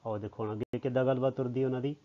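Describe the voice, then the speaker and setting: A man's voice: medium pitch, fairly even intonation, very fast. A man with a Punjabi accent, a teacher explaining a lesson to children word by word and asking them questions, on a slightly dull lo-fi recording.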